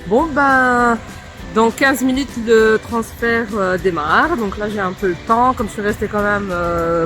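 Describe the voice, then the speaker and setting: A young woman talking to her phone camera in a casual travel vlog, chatty and upbeat, recorded outdoors. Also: a little high. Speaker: travel vlogger. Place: outdoors on a trip, at the airport, the hotel and on an excursion.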